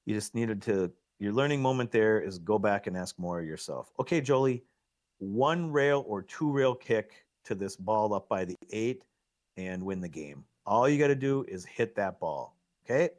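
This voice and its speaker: A middle-aged man giving excitable, coaching commentary on a live pool match, laughing at himself often. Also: on the low side, normal speed.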